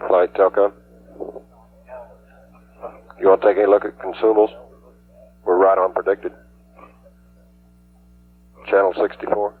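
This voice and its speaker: A man's voice: low-pitched, level tone, measured pace, pauses often, breathy edge. A man working as a mission flight controller, speaking in clipped technical jargon over a narrow-band radio loop.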